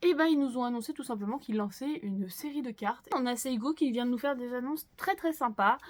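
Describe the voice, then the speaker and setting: A woman's voice: fairly high pitch, a little fast. A young woman hosting a casual manga news talk to her viewers, chatty and candid, with frequent fillers. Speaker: manga news channel host.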